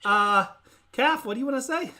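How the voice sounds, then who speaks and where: A woman's voice: high-pitched, expressive, moderate pace, bright, forceful tone. A woman narrating as game master in a live tabletop game, chatty and giggly, rambling with restarts.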